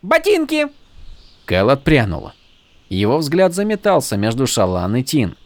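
Male narrator, lively and animated, dry close read. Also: mid-range voice, moderate pace, no room sound. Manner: lively, expressive reading. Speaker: audiobook narrator. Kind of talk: scripted narration.

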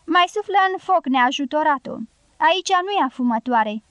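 A bossy middle-aged peasant woman who scolds with a sharp tongue, read by a woman. Her voice sits high. The recording is dry and close. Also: dry recording, natural voice. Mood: scolding.

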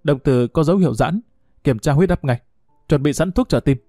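A man doing a brisk young female ER doctor. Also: on the high side, dark tone, no room sound, clean studio sound, faint music behind, lightly acted. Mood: urgent, stern. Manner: urgent, commanding.

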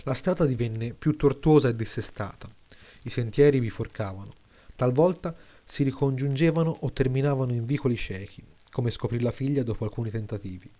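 A man reading a late-night story aloud in a calm, measured way, now and then restarting a word. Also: mid-range voice. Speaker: story reader.

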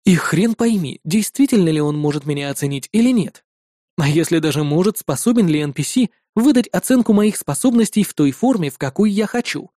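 A man narrating a fantasy audiobook in the first person, lively and wry. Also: fairly high pitch, a little fast, no room sound, studio quality.

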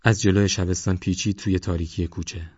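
A male audiobook narrator with a very deep voice, reading in a steady, measured way. The sound is dry with no room around it. The top end is a little dull. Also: breathy edge, no room sound. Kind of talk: scripted narration.

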